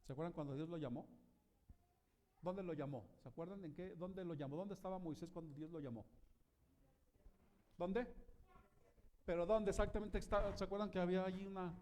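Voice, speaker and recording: A man preaching a sermon as pastor in a church, animated and asking the congregation questions. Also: high-pitched, moderate pace, long pauses.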